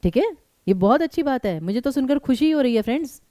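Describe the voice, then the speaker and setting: A woman teaching a live exam-prep class. Her voice is mellow and rather high, and it swings widely as she talks straight to her students. The recording is dry and close. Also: fast talker, dry recording. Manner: animated, addresses students directly.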